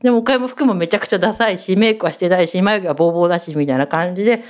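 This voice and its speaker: A woman hosting a radio show, telling rambling stories in a chatty, animated way. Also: fairly low pitch, very fast. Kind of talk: casual radio chat.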